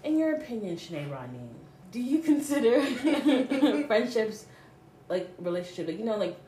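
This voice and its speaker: A woman's voice: fairly high pitch, sing-song, moderate pace, mellow. A young adult woman co-hosting a podcast, talking bluntly with a teasing edge and casual swearing. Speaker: podcast co-host. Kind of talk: casual chat. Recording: echoey room with faint noise.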